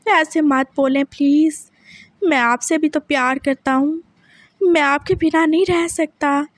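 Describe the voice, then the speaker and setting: A torn, tearful young man begs softly not to be left, as a woman voices him. His voice is high and the sound is dry and close. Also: fairly even intonation, a little slow, dry recording. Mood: pleading, tearful. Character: gentle young male spouse, torn and tearful.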